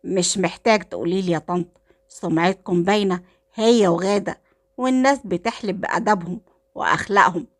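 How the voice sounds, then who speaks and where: A woman's voice: on the low side, a little fast, natural voice. A woman voicing a polite young male suitor with an Egyptian accent, courteous and smiling. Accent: Egyptian Arabic.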